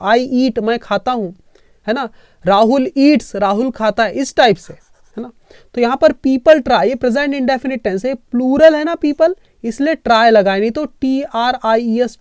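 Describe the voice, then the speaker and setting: A man's voice: extremely high pitch, a little mellow, smooth, no echo, studio quality. A man teaching English through a story, explaining word by word and checking in with listeners as he goes. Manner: keeps checking in with listeners, spells words letter by letter slowly. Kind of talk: explaining a reading lesson.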